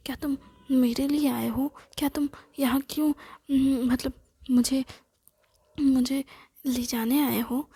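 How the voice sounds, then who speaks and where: A woman voicing a chatty, curious young female ghost who keeps asking questions and admires her own looks, in a breathy whispered role-play. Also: high-pitched, fairly even intonation, dark tone, heavily acted. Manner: rapid questioning, insistent.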